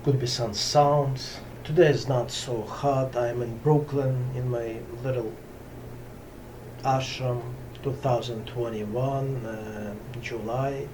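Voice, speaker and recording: There's constant background noise as a distant camera records a middle-aged man teaching yoga in a small, hot room of a Brooklyn home ashram. Speaking slowly and unscripted in a mid-range voice, this native Russian speaker hesitates frequently, filling gaps while he hunts for the right words.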